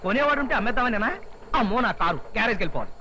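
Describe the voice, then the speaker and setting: An actor playing a fond, teasing young husband in a comedy film, reciting love verses in a slow, drawn-out way. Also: male voice, sits high, sing-song, a little hiss or hum, exaggerated voice. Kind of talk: comic film acting. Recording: film soundtrack with loud music.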